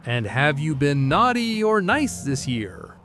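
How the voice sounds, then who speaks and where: A man voicing a grimy, creepy old male mall Santa with a raspy smoker's voice and slow, drawn-out greetings. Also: a little high, sing-song. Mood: creepy jolly.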